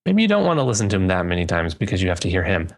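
A young man with a very deep voice co-hosts a casual podcast. He rambles loosely and often circles back to restart his thoughts. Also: wildly swooping pitch, racing, creaky. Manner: rambling, self-correcting, loose. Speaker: podcast co-host.

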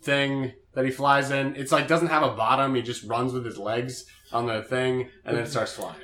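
A man's voice: mid-range voice, steady tone, moderate pace, pushed and bright. A man co-hosting a podcast, recapping an episode in a joking, boastful casual chat. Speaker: podcast co-host. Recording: roomy echo.

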